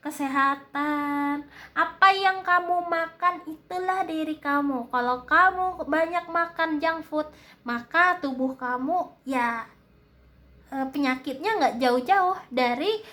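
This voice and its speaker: Hosting a tarot-style reading, a woman with an Indonesian accent gives a casual forecast and advice, hesitant and searching for words as she explains. She has a slight lisp that sometimes slurs her r. Her voice is high and sharp, and she speaks slowly.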